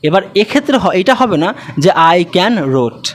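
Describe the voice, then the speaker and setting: Slow, lively teacher. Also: medium pitch. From West Bengal. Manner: drawls English examples, asks and answers own questions. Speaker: English teacher. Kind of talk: spoken grammar lesson.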